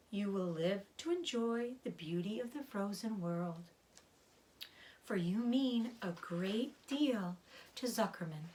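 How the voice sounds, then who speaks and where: Reading a children's storybook aloud, a woman gives voice to a gentle, weary female spider who is dying. Her medium-pitched voice is soft and breathy, often dropping to a whisper, and her slow, measured pace feels soothing. The recording itself is rough.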